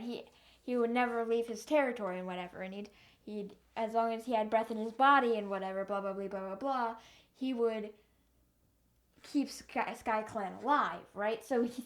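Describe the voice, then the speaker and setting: A young woman giving a casual, rambling book review rant in an exasperated, animated way. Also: on the high side.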